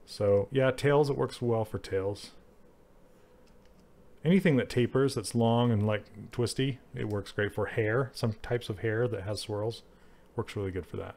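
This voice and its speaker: A man's voice: fairly low pitch, measured pace, darkish tone. A man teaching 3D character sculpting on a live stream, chatty and laughing often as he works and answers chat. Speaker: 3D art instructor streaming live. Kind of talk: casual live-stream tutorial.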